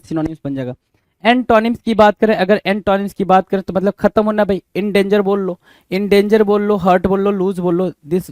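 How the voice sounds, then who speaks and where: High-pitched teacher quizzing students. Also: male voice, darkish tone, dry recording. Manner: quizzing, keeps asking "bhai?" then answering. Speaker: English vocabulary teacher. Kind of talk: Hindi-English exam-prep lesson.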